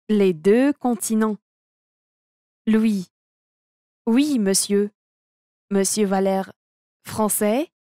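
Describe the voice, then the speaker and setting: A woman reading a language textbook aloud, with both the teacher's and the students' lines in a deliberate manner that also speaks out the notation. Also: medium pitch, mellow, no echo, studio quality. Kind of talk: slow textbook read-aloud.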